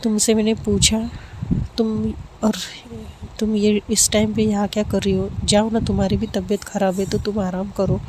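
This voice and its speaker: A woman's voice: medium pitch, little pitch movement, normal speed, background noise, natural voice. A woman voicing Ananya, an affectionate young woman who talks in a sulky, coaxing way.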